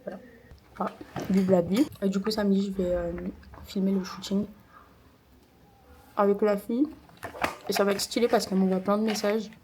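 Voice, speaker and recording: A woman's voice: mid-range voice, steady tone, moderate pace, pauses often, mellow, slight background noise. A young woman vlogging about her day as a student, tired, and retelling a clash with a teacher in a chatty, indignant way. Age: young adult. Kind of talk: casual vlog storytime.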